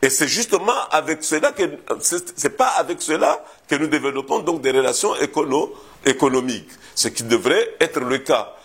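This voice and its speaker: A man from the Comoros, a historian answering interview questions in a measured, thoughtful way, often hesitating and repeating words as he thinks. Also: a little high, expressive, a bit bright, breathy edge. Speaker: historian interviewed about his thesis.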